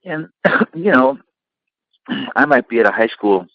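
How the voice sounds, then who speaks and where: A middle-aged man, founder of a limousine company, telling long anecdotes with lots of fillers in a relaxed interview. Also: medium pitch, a little slow, dry recording, muffled recording. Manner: rambling anecdotes with many fillers.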